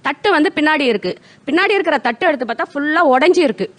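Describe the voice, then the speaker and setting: A woman's voice: high-pitched, expressive, very fast, a bit bright. A woman house maid plainly and sorrowfully recounting her experience at work. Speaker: house maid on a debate show. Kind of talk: telling her own experience.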